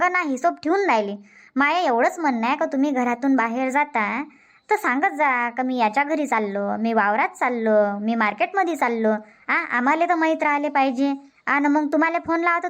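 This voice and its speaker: A woman voices a very high-pitched cartoon housewife for Marathi comedy dubbing, nagging with a lightly acted, aggrieved air. In a Varhadi Marathi accent from Vidarbha's villages, she scolds in repeated, complaining bursts.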